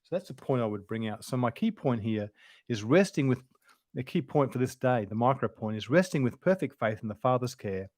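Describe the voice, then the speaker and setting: A man's voice: medium pitch, lively intonation, a little fast, a little mellow, no echo. A man presenting a Bible study lesson in an informal, explanatory way, thinking aloud as he goes. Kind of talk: conversational Bible study teaching.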